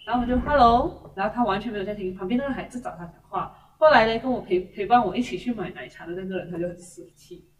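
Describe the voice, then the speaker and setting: Woman talking real fast, animated storytelling, mic far off. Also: medium pitch. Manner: animated storyteller who acts out quotes. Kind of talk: casual chat. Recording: distant mic, roomy.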